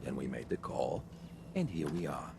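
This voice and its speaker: A man's voice: very deep voice, very animated, moderate pace, full character voice. A man playing a cocky, hard-bitten neighborhood watchman in a video game, colloquial and scornful. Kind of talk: video game character acting. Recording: clear background noise, game ambience.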